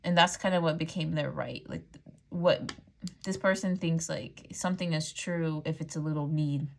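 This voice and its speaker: Talking directly to viewers, a woman does a casual tarot reading in a low voice with vocal fry at a moderate pace, over slight background noise. She chats loosely, laughs easily and says "like" and "um" a lot.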